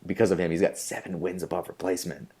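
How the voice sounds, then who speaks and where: Deep-voiced young man, chatty baseball fan. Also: flat delivery, quick pace, a little mellow, breathy edge. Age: young adult. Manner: enthusiastic, rambling baseball talk with many fillers. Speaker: podcast co-host. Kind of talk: casual chat.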